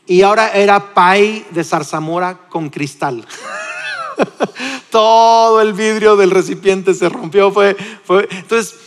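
A man in his forties with a Mexican accent, preaching a sermon in a lively, conversational way with frequent restarts. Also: high-pitched, slow pace, clean tone, in a large hall. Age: 40s. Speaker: pastor. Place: church.

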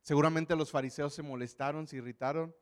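A man preaching a lively sermon, animatedly acting out the voices of Bible figures. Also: a little high, fast talker, long reverb tail.

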